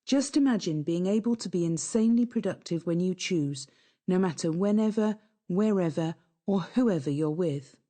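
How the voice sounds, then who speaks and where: Calm woman reading a hypnosis script, soft mellow tone. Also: on the low side, normal speed. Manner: calm, soothing, instructive. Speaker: hypnotherapist narrator. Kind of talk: scripted guided hypnosis narration.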